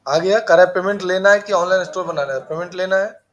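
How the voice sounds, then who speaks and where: A man from the teaches students in a small computer classroom. He is brisk and scolding. He drifts into chatty side remarks between his instructions. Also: high-pitched, fairly bright tone.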